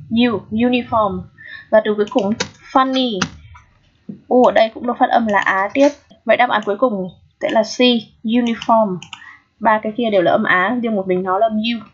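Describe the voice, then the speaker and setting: A woman's voice: medium pitch, breathy edge. A Vietnamese-accented woman teaching, going through a middle-school English exam step by step and often checking that her students follow. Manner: patient, checks in often with the class. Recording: dull lo-fi audio.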